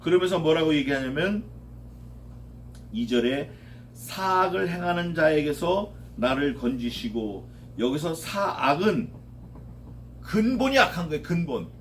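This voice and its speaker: A man's voice: fairly high pitch, a bit bright, a little hiss or hum. A male pastor preaching a sermon, emphatic and repetitive, his voice rising when he voices prayers. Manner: emphatic, repeats key phrases, rises when voicing prayers.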